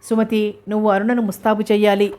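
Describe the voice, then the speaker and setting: A woman's voice: mid-range voice, level tone, fairly quick, a little mellow, natural voice. A woman voicing a busy elder brother who talks in a hasty, bustling way, read out in a novel narration. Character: busy elder brother arranging his sister's match.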